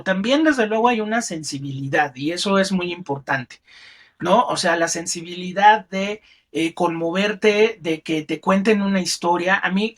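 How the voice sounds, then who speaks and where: A middle-aged man with a Mexican accent, a film critic talking as a guest in a podcast interview and telling stories expressively. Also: high-pitched. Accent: Mexican Spanish. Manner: expressive storyteller who acts out quotes in other voices.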